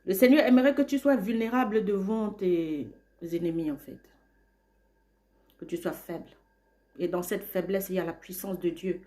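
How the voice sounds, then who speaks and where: A woman's voice: mid-range voice, moderate pace, pauses often, mellow. A woman singing worship refrains and preaching with fervent emotion and repeated invocations.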